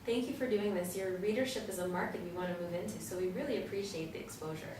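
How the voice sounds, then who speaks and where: A young woman in her twenties playing a sardonic ice cream seller who fires off deadpan comebacks. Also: medium pitch, fast talker, close to an everyday voice. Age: 20s. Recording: roomy, distant from the mic, faint noise.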